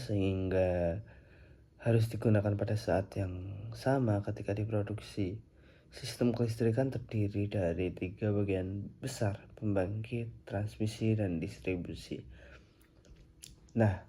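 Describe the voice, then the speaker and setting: A man's voice: lowish voice, warm tone. A young man, an engineering student, reading a recorded slide presentation steadily, with occasional slips and restarts. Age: young adult.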